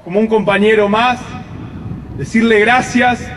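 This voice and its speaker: A man's voice: high voice, fairly even intonation, unhurried. A man in his thirties with an Argentine accent giving a rousing victory speech from an outdoor stage, stacking phrases in rhythmic lists. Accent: Argentine Spanish. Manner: rousing, rhythmic listing, building to shouted thanks. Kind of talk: rally speech. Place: outdoor stage at a night rally. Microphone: stand mic, filmed from a distance. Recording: distant crowd-noise live rally recording. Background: cheering crowd.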